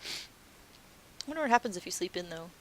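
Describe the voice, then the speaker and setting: A woman co-hosting a game playthrough, playful and quick to laugh. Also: fairly low pitch, lively intonation. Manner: giggly, playful. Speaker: let's play co-host. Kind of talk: casual game commentary.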